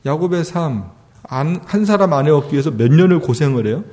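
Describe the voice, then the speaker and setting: A man's voice: on the high side, expressive, a little fast, mellow. A man preaching a sermon, asking rhetorical questions and acting out quoted lines in an earnest, emphatic way. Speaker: pastor.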